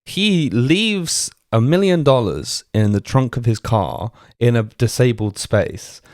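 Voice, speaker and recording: A man co-hosting a podcast, discussing a film in a rambling, halting way with many fillers. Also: medium pitch, animated, a little mellow, no room sound, studio quality. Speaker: podcast co-host.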